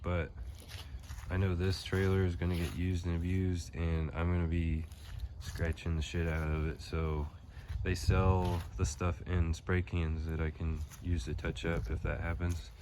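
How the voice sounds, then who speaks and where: Against a noisy background, a deep and slightly slow voice belongs to a young host with a stuffy head cold. He rambles loosely through a how-to vlog with lots of fillers, filming on his phone at arm's length in a pole barn before heading out to a lawn, where the phone camera sits behind him.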